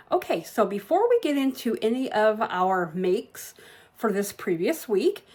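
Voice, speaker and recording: A woman's voice: mid-range voice, darkish tone. A woman in her sixties chatting casually to camera in a home vlog, rambling a little and laughing easily. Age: 60s. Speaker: sewing and crafts vlogger. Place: at home and out running errands.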